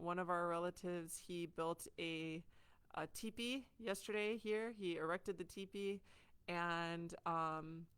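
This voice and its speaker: Female community healer from Hawaii, low smooth voice, unhurried, handheld mic indoors. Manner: gentle, unhurried, with frequent ums. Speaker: community healer teaching culture. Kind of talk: warm informal teaching talk. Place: indoors at a wellness center. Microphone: handheld microphone.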